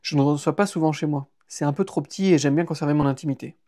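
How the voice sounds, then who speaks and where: A man narrating a humorous novel in the first person on a live stream, lively and playful, stopping for chatty asides to listeners. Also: fairly high pitch, fast. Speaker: audiobook reader and author.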